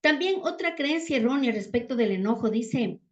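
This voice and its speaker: This woman from Ecuador teaches at church, and in this Bible lesson she keeps engaging her audience with rhetorical questions. She speaks at a normal speed, her fairly high voice carrying lively intonation. The audio is dull and lo-fi.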